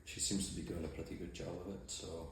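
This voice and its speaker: Speaking fast in a low, creaky voice with flat delivery, this man has a Shetland accent and responds to interview questions matter-of-factly. He works as a mussel farmer and skipper of a boat. The office setting sounds very echoey, with a little background noise.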